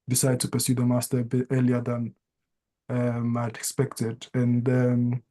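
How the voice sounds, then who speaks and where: A man from Ghana giving a casual student testimonial on a panel, talking in a hesitant, halting way. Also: medium pitch, monotone, dark tone. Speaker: master's student.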